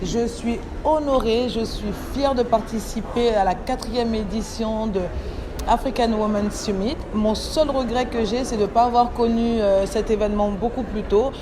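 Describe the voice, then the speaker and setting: A woman's voice: on the high side, steady tone, moderate pace. A woman who runs a catering business, speaking effusively about a summit, with some stumbles. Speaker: event caterer, business owner. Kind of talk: conference testimonial. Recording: noisy ambient background.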